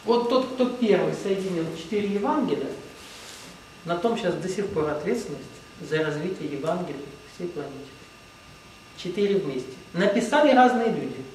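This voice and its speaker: A man's voice: high voice, animated, moderate pace, a little mellow, slight background noise. A man giving a rambling, emphatic spiritual lecture, often saying "well, let's say". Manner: rambling, emphatic, repeats "ну, допустим". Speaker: spiritual teacher. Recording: echoey room, distant mic.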